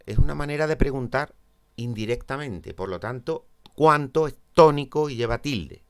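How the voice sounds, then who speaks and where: A man's voice: medium pitch, normal speed, clear, resonant tone. A man from Spain with a Peninsular Spanish accent, teaching a grammar lesson step by step and checking in with his students. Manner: explains step by step, checks in with "¿vale?".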